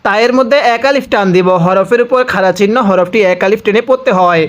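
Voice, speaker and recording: Pitched high and talking quickly, a Quran teacher from Bangladesh goes through each letter and vowel mark individually, asking himself questions and supplying the answers. The recording has its highs cut off.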